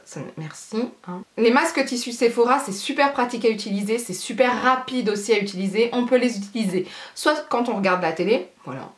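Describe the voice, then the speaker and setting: A woman's voice: fairly high pitch, roomy sound. A woman beauty vlogger in casual haul chat, chatty and rambling with a self-mocking humor.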